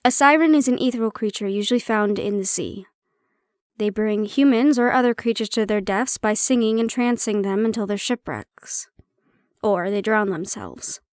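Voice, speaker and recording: In an intimate audio roleplay, a woman plays a prickly, guarded banshee-siren hybrid who explains herself conversationally with some teasing. Her voice is mid-range and close to an everyday voice, at a normal speed. The studio sound is clean with no echo.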